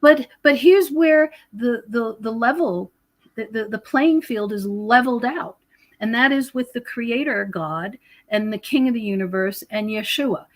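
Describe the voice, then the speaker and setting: As a podcast guest, this author and prophecy researcher explains her spiritual beliefs in a conversational interview, using a fairly high voice at a measured pace. She is emphatic and preachy, frequently repeating words and checking that the listener is following.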